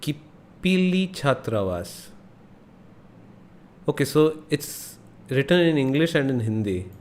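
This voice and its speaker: A young man with an Indian accent livestreams a geography guessing game, thinking aloud casually and exclaiming often. His mid-range voice is animated and darkish at a moderate pace, with noticeable background noise.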